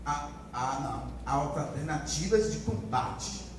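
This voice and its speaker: A man's voice: fairly high pitch, animated, takes it slowly, noisy background. A Brazilian man teaching a writing class, drilling the students with repetition and call-and-response. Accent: Brazilian Portuguese. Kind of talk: classroom lecture. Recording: echoey classroom from far off.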